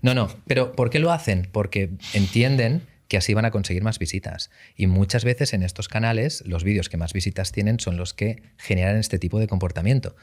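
A man chatting as a podcast guest, telling animated stories and acting out what people said. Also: fairly low pitch, a little fast, few pauses. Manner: animated storytelling, acts out quotes. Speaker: guest youtuber. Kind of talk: casual podcast chat.

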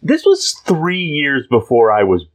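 Slightly high-pitched and a little slow, this podcast co-host playfully describes and reads a comic aloud during a casual chat. He's animated and jumps into voices; the audio quality is poor.

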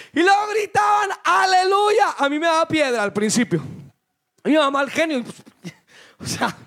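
A man's voice: very high-pitched, expressive, measured pace, vocal fry, long pauses, a bit bright. A male pastor, preaching a fervent sermon full of rhetorical questions.

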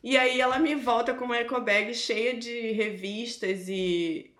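A woman's voice: fairly high pitch, fairly even intonation, measured pace, a bit bright, reverberant. A Brazilian woman telling a story in a casual chat, acting out the people in it and laughing often. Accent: Brazilian Portuguese.

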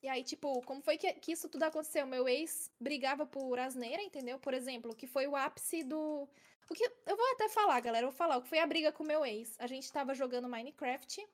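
A woman's voice: sits high, a little fast. A young woman casually telling a long personal story, often adding "entendeu?" to check her listeners follow. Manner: chatty, keeps adding "entendeu?".

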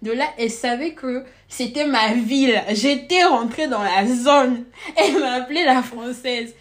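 Unhurried and fairly high-pitched, a young podcast guest recounts something from her own life with a Congolese accent influenced by French. She's earnest and thoughtful, though she brightens and livens up when describing what happened.

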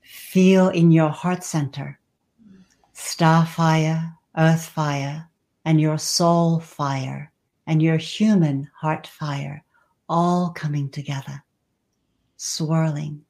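A woman leading a guided meditation with slow, soothing, drawn-out phrasing. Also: sits low, steady tone. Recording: loud background noise and rattle.

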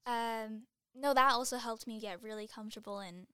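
A woman's voice: a little high, moderate pace, bright, forceful tone, smooth, no room sound, studio quality. A young woman in her late teens, chatting as a guest in a casual interview, giggly and full of fillers.

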